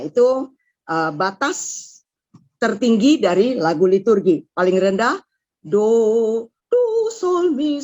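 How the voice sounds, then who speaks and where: A woman's voice: mid-range voice, dry recording. Woman teaching songwriting rules, sings little example notes, muffled recording. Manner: explains step by step, often ends phrases with "ya", sings example notes. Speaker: liturgical music instructor. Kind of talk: lecture on writing liturgical songs. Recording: dull lo-fi recording.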